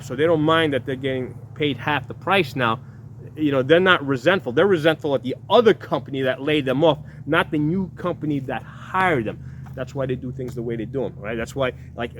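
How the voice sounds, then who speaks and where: A video host of about fifty, with a slightly high voice, talks casually to camera in a blunt, rambling way, restarting words and asking "right?" over and over. There is a little hiss or hum in the recording.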